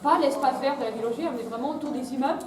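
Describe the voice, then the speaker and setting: High-voiced woman organiser in an echoey room. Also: rapid-fire, a little mellow. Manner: hesitant, improvised. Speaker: organiser briefing volunteers. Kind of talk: informal spoken briefing to a group. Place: large echoey room with volunteers. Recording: echoey, noisy room from far off.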